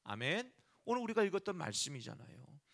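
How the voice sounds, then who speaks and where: Animated high-voiced Korean pastor preaching. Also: male voice, fairly quick, creaky. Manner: conversational preaching with frequent rhetorical questions. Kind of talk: sermon.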